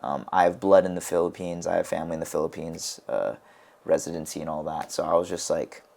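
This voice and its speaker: A deep, slightly mellow voice with vocal fry belongs to a young American wrestler co-hosting a casual podcast. He speaks quickly in a steady tone, rambling through stories with lots of "like" and false starts.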